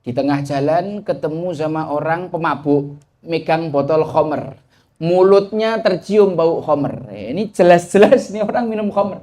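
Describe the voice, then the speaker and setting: A man that carries delivers a sermon as a lively story. His voice sits a little high and jumps up sharply when he acts out the characters. He turns quiet and slow when he draws the lesson. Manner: animated storyteller who acts out the dialogue with high, loud voices; drops to soft, slow tones for the moral. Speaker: preacher.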